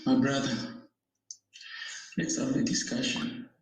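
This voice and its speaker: A man's voice: mid-range voice, fairly even intonation, takes it slowly, creaky, heavy reverb, crowd noise, low-quality recording. A man from Zambia calling in to a debate show, hesitant with stumbling restarts but turning heated and accusing. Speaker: caller. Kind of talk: argumentative phone-in debate.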